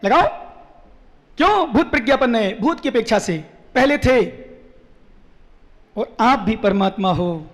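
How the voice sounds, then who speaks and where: A man, a monk, giving a quick sermon and often asking the listeners questions. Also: high voice. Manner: quick-talking, questions the audience, teasing. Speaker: Jain monk. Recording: echoey hall.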